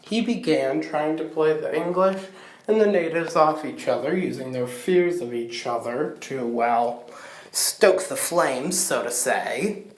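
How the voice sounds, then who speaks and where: A woman's voice: low-pitched, unhurried, echoey room, rough recording. A woman giving a comedic history lecture, full of sardonic, irreverent asides. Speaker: history presenter.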